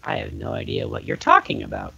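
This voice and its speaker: A man voicing a sinister young impostor through a robotic, distorted voice filter, talking in a cold, deadpan, threatening way. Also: fast, no room sound, muffled recording. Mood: flat denial. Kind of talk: machinima roleplay acting.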